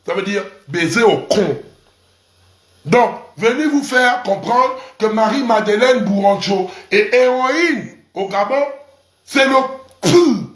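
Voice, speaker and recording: A man's voice: high voice, fairly bright tone. Crude mocking male ranter, echoey room. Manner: provocative, crude, repeats syllables for emphasis. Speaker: online commentator. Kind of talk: mocking rant to camera.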